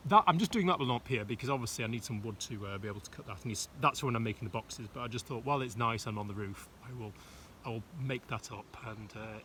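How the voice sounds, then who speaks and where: A middle-aged man in a casual do-it-yourself build vlog, with a voice of ordinary middle pitch. He rambles through his work, full of fillers and restarts, and pokes fun at himself. A faint background hiss sits under the camera mic. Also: sharp tone. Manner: rambling, many fillers and restarts, self-deprecating. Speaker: vlogger fitting out a narrowboat. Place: outdoors on a boat roof and inside a boat workshop.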